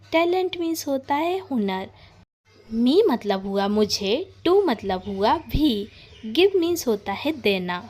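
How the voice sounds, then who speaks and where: A woman teaching English. She reads each phrase slowly in a deliberate drill and says every sentence twice. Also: a little high, a little mellow. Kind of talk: slow bilingual phrase drill.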